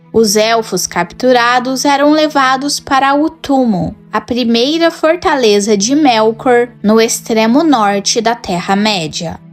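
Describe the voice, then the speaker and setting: A woman with a Brazilian Portuguese accent narrates a scripted lore piece, her voice sitting a little high. She takes her time, laying out each line in a measured, dramatic way. Faint music plays underneath. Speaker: lore channel host.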